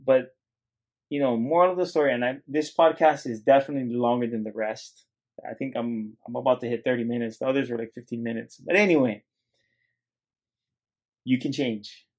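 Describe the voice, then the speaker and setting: A man's voice: mid-range voice, brisk. A man hosting a motivational podcast alone, talking earnestly and loosely to his listeners, circling back and restarting his thoughts. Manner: earnest, rambling, addresses listeners as guys. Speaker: podcast host.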